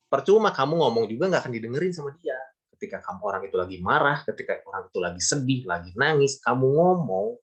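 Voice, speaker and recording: Brief: a male teacher, easygoing and emphatic, repeating key points to students in a mid-pitched voice. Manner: chatty, repetitive, emphatic, gives everyday examples. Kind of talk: casual classroom lesson.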